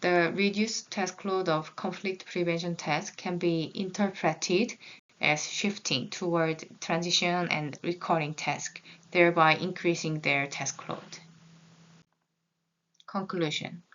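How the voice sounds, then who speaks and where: Taking it slowly with fairly even intonation, a graduate student whose first language is Korean presents research results in English. Her voice is fairly low and fairly bright, and she reads carefully with little halts and restarts. The recording comes across slightly dull.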